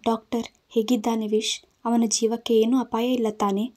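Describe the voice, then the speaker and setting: A frightened young woman begs through tears, her words shaky and pleading, as a woman reading an audio story voices her. The tone is soft and mellow rather than bright. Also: fairly high pitch, level tone, normal speed, close to an everyday voice. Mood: tearful pleading. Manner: tearful, trembling pleading.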